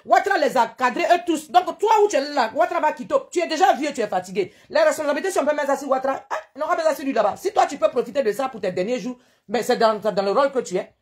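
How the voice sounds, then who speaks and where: A woman with an Ivorian French accent hosts a live stream, scolding indignantly and hammering the same rhetorical questions. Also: high-pitched. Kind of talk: live-stream political rant.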